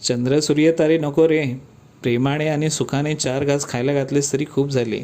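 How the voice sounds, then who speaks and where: A bright, teasing young woman in love, as a male storyteller puts her on in a raised voice. She sounds pampered and cheerful and talks with affection. Her voice sits a bit high and carries strongly. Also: fairly even intonation, normal speed, natural voice. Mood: playful, affectionate.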